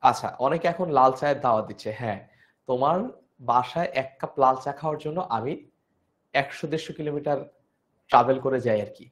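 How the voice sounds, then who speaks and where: A man's voice: medium pitch, a little fast, pauses often. A young man with a Bangladeshi Bengali accent teaches a live online grammar class; his throat is strained and he explains patiently, repeating key points and checking in with "okay?". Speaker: online tutor.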